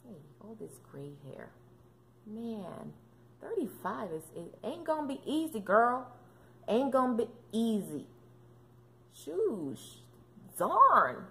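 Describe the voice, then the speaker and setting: Speaking slowly with long pauses, this fitness and mom vlogger in her 30s has a slightly high, sing-song voice that sounds pushed and bright. Her chatty talk to camera is playful and jokey, full of fillers.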